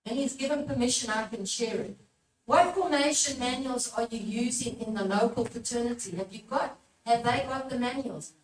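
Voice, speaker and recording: Speaking at a normal speed, a high-voiced woman leads a live workshop teaching talk as a religious formator, pressing her audience and asking them questions. The distant recording in an echoing room picks up background noise, including a crowd.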